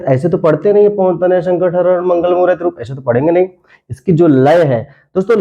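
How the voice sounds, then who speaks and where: A man teaching a grammar lesson, explaining slowly with many repeated phrases and drawing out verse lines as he chants them. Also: on the high side, muffled recording.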